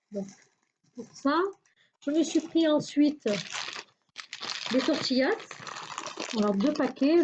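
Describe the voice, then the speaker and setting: A woman's voice: high voice, mellow, lo-fi sound, a little hiss or hum. A woman chatting through a shopping haul video, hesitant and searching for words with many fillers. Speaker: YouTuber showing a shopping haul. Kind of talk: casual haul video chat.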